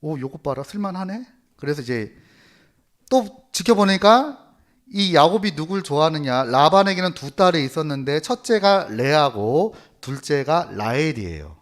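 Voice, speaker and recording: Male children's preacher, animated storyteller; fairly high, swinging pitch. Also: normal speed. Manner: lively, quizzes the children.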